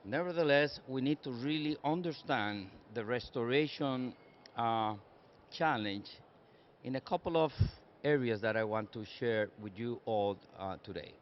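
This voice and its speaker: An earnest Costa Rican man in his 60s, with a Costa Rican Spanish accent, gives panel remarks in a conference session room. His mid-range voice is measured, and he builds his points in lists. The recording is muffled, with a little hiss or hum.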